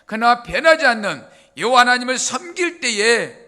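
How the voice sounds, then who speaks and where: A male pastor preaching a sermon, telling jokes with drawn-out emphasis. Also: very high voice, sing-song, sharp tone. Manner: humorous storytelling, drawn-out emphasis. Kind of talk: joking sermon.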